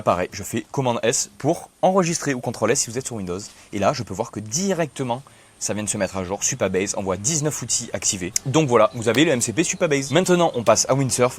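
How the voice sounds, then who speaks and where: A young man casually explaining software setup step by step in a tutorial video. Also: mid-range voice, breathy edge. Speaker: tech tutorial host. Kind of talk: screen-recorded software tutorial.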